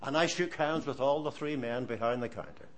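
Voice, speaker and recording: A medium-pitched, slightly fast voice belongs to an Irish man in his seventies giving a sermon. He preaches through story, animated and earnest in his exhortation.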